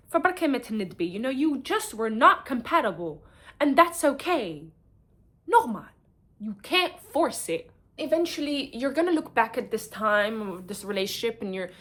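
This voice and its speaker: Emphatic woman giving heart-to-heart advice. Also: on the high side. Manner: emphatic, chatty, mixes Arabic and French into English; calls the viewer honey and darling. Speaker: advice vlogger. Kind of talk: casual advice talk to camera.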